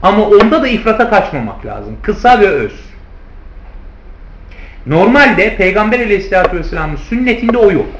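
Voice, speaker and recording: A male theology teacher lectures to his class and calls them his friends. He poses rhetorical questions and answers them himself, in a high voice that swings widely in pitch. The recording sounds roomy and a little dull, with faint noise behind him. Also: big pitch swings, moderate pace. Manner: addresses listeners as friends. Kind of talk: lecture on hadith commentary.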